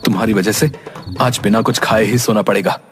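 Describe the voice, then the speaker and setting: A man's voice: on the low side, steady tone, brisk, over music, natural voice. A man voicing a frustrated young husband who complains with exasperation. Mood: exasperated.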